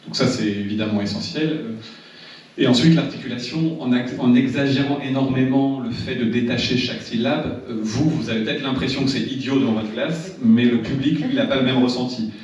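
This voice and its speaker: French trainer in an echoey room. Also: male voice, medium pitch, brisk, darkish tone. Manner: many repeated words and restarts. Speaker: public speaking trainer. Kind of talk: seminar talk to a live audience. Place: seminar room. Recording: echoey room, distant mic, dull sound.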